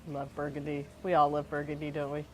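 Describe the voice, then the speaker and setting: A woman's voice: deep voice, completely flat delivery, quick pace, darkish tone, slight background noise. A woman hosting a casual conversation in a courtyard, chatty and agreeable, laughing often. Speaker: host. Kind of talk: casual chat. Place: outdoor courtyard.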